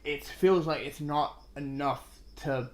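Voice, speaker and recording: A man's voice: on the high side, slow pace. A man from Western Australia with an Australian accent, co-hosting a podcast in casual chat, blunt and ranting and swearing freely. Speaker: podcast co-host.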